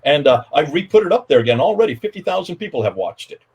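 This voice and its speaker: An older man on a webcam video call from his home study tells a story as a guest apologist in a panel discussion. His voice is a little high, sing-song, somewhat mellow and husky, with quick pacing and the highs cut off. He's emphatic, repetitive and gestures a lot.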